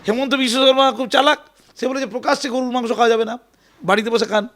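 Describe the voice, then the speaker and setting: A man giving an animated, emphatic political interview, often repeating his phrases. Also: very high voice, racing. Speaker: interview guest.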